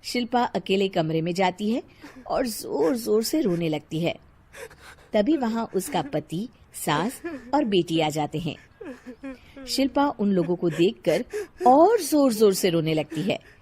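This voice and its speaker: A woman narrating a cartoon moral story in a calm, even voice. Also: mid-range voice, unhurried.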